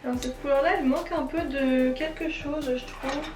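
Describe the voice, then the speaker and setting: High-voiced chatty French woman. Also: fairly even intonation, brisk, a little mellow, echoey room, recorded from a distance. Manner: chatty, self-deprecating, explains each step. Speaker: beauty vlogger. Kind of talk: makeup tutorial voice-over.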